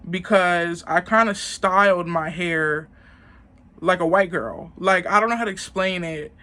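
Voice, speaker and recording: A woman's voice: lowish voice, measured pace, sharp tone. A young woman telling a casual story to the camera, rambling and filling with "like". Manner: rambling, heavy use of "like". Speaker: vlogger.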